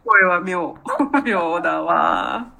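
A woman's voice: fairly low pitch, very slow, creaky, sharp tone. A woman co-hosting a casual chat podcast, speaking, giggly and self-deprecating. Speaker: podcast co-host.

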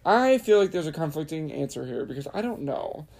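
Low-voiced young woman chatting casually. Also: big pitch swings, fairly quick, a little mellow. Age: 20s. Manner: candid, joking, swears freely. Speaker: podcast co-host. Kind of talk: casual chat.

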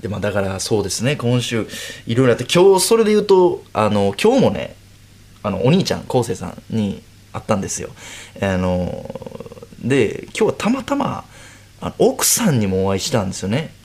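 A man's voice: lowish voice, wildly swooping pitch, a little fast, darkish tone. A young man with a Kansai accent hosting late-night radio alone, telling a self-deprecating story and acting out the quoted lines. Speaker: radio host.

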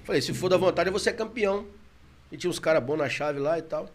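A man with a Brazilian Portuguese accent telling his story in a casual, animated chat, often laughing as he talks. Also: fast talker. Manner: animated, laughing, gets louder and higher when excited.

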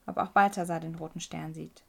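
A woman voicing an eager, impatient male king in a storybook, with a gravelly tone. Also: low-pitched, fairly even intonation, a little fast, a bit bright, exaggerated voice.

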